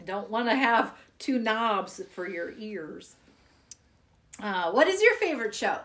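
A woman's voice: medium pitch, very animated, takes it slowly, fairly bright tone. A woman reading children's poems aloud in a playful, giggly way. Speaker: poetry reader.

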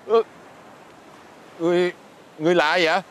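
A man's voice: sits high, steady tone, normal speed, a bit bright, slight background noise. A man with a Southern Vietnamese accent playing a poor, easygoing old fisherman who chuckles and hesitates as he talks. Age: older. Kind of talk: fairy-tale drama acting.

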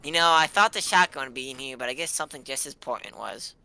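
A young man chatting casually while playing a co-op game, excitable and prone to loud yelps when startled. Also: mid-range voice, fast, vocal fry. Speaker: co-op gamer. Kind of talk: casual gaming chat.

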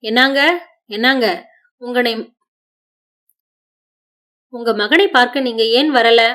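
A woman's voice: on the high side, fairly even intonation, slow, fairly bright tone. A woman doing a pleading, bewildered young mother. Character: distraught young mother, lost and confused.

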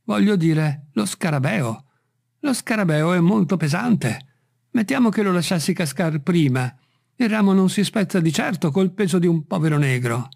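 Un vecchio servitore semplice e timoroso, dalla voce alta e supplichevole, fatto da un uomo che legge un audiolibro. Parla con zelo, un po' impaurito. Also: male voice, high voice, expressive, normal speed, vocal fry, darkish tone, pitched above the performer's own voice, full character voice. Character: old male servant, simple and fearful, climbing a tree. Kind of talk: audiobook reading.

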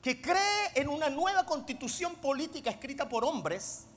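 A man preaching a sermon, swinging between loud emphatic declarations and low, intense asides. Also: expressive, moderate pace. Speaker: apostle preaching. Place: church hall. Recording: long reverb of a large hall.

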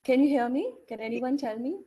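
A woman giving an online lecture in a halting manner. Her voice keeps breaking up over an unstable video call, and she checks whether anyone can hear her. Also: sits high, lively intonation, warm tone, slightly rough. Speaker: guest lecturer. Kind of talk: online webinar talk.

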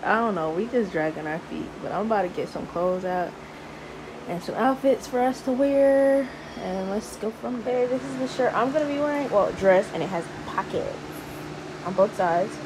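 A woman's voice: mid-range voice, moderate pace. A young woman talks casually at home on a family vlog, her voice scratchy from the morning. She is chatty and laughs often as she shows off outfits and packing. Faint noise sits behind her voice. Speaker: family vlogger.

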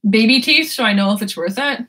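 A woman's voice: a little high, a little fast, a bit bright. A woman in her twenties chatting casually about books, rambling, laughing and swearing freely. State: sore throat. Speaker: book vlogger. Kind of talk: casual chat.

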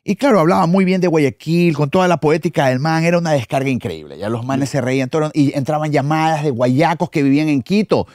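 A man, a podcast host telling stories in an animated way in casual chat. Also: on the high side, brisk, hardly any pauses, no room sound. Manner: animated storyteller, laughs often.

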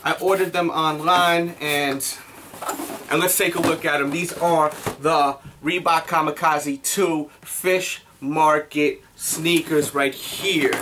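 In a small indoor room with a noisy background, an American man in his thirties stands a few steps from the camera hosting his casual sneaker review show. He uses hype-man slang and catchphrases, and his voice is fairly high.

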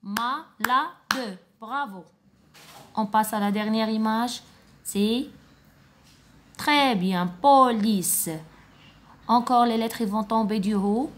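A woman kindergarten teacher giving a recorded reading lesson for young children, slow and encouraging, praising often. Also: a little high.

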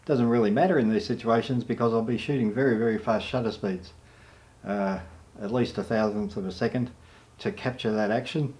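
Aussie photojournalist, middle-aged, easygoing vlogger, rambling delivery with fillers. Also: male voice, fairly low pitch, brisk. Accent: Australian. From Australia. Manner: relaxed and rambling, with many "uh" fillers. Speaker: photojournalist and camera reviewer. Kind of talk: casual vlog talk to camera.

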